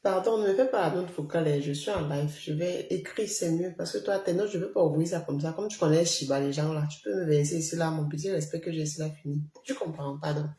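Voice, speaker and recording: A woman's voice: deep voice, fast talker, hardly any pauses, echoey room. Chatty woman hosting a live stream. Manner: chatty, animated, rhetorical questions to viewers. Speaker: livestream host. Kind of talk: casual live commentary, reading viewer comments.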